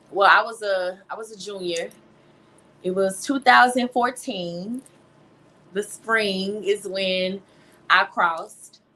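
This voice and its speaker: A young woman from Louisiana, a singer and songwriter, chats informally and emphatically as an interview guest in a Southern American accent. Her mid-range voice is bright and forceful, though the recording quality is low.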